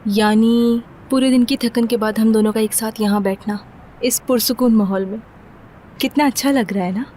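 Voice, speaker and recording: An actress dubbing a romantic young woman doctor in a TV drama, speaking in a soft, dreamy way. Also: a little high, fairly even intonation, normal speed, slight background noise, natural voice. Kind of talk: dubbed TV drama acting.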